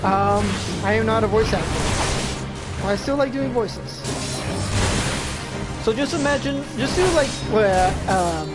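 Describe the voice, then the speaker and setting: A man's voice: high-pitched, expressive, takes it slowly, pauses often, loud music behind the voice. A man casually chatting as he streams a role-playing game, rambling with many restarts.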